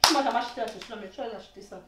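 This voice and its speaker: A woman with a Cameroonian accent playing a jealous girlfriend who shouts and accuses in a comedy sketch. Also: on the high side, rapid-fire, a loud crowd, natural voice. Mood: agitated. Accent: Cameroonian French. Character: jealous young woman, hotheaded and insistent. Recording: echoey room, mic far off.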